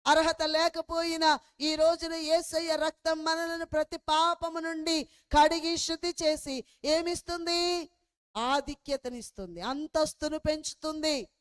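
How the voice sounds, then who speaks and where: High-voiced woman preaching a story. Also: steady tone, measured pace. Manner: asks the listeners rhetorical questions; calls the listeners beloved children of God. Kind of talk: storytelling sermon.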